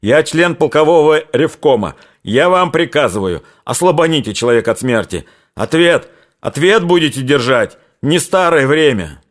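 A man's voice: medium pitch, expressive, normal speed, natural voice. A man voicing an earnest rustic Cossack soldier who speaks in folksy, impassioned phrases, in an audiobook reading. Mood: pleading.

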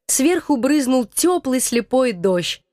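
Wry high-voiced woman narrating a story. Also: big pitch swings, slow pace, dark tone, dry recording, studio quality. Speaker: audiobook narrator. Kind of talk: first-person audiobook narration.

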